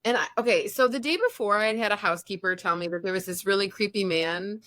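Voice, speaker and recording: A woman's voice: medium pitch, fast, dry recording, studio quality. A woman in her thirties co-hosting a podcast, telling a long story in casual chat and acting out the people in it. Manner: animated storyteller, acts out quotes. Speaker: podcast co-host.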